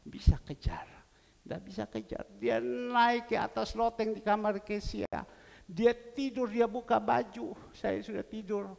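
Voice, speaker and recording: A male pastor preaching a sermon, telling a story with lively swings between loud cries and soft asides. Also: high-pitched, measured pace, vocal fry. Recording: long reverb of a church hall.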